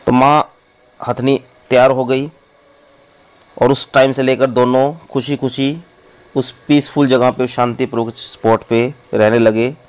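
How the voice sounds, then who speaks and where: A man, teaching by reading a story aloud slowly and explaining it in quick, casual asides. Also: mid-range voice, little pitch movement, smooth, rough recording.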